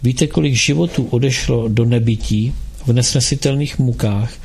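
A man's voice: mid-range voice, vocal fry, a little mellow, slight background noise, close to an everyday voice. A man voicing a grieving, angry young mother in an audiobook, speaking indignantly. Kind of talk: audiobook dialogue.

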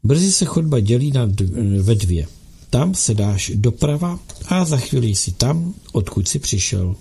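A man's voice: mid-range voice, big pitch swings, vocal fry, mellow, slightly rough, heavily acted. A man voicing a bold, playful young noble girl who teases in a pert way. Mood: teasing. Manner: pert, teasing.

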